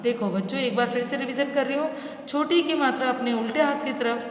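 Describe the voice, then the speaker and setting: A woman teaches small children to read, patient and repetitive, stretching each sound slowly. Her voice sits a little high. The room rings with a long, echoey reverb. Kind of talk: children's reading lesson.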